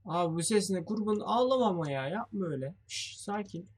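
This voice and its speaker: High-pitched, animated and fast with a breathy edge, this young gamer narrates his horror-game let's play, startling easily and cursing while talking through his thoughts for viewers.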